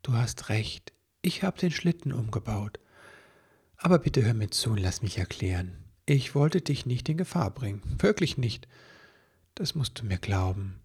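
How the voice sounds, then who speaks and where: A man's voice: medium pitch, sing-song, moderate pace, a little mellow, slightly rough, exaggerated voice. A man voicing a clever female elf inventor. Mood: apologetic. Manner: earnest, explaining.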